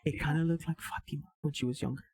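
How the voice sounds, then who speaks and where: Animated, swearing man telling a story. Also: on the high side, quick pace. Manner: animated, swears a lot, mixes in Spanish slang. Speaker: podcast guest. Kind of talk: casual storytelling chat.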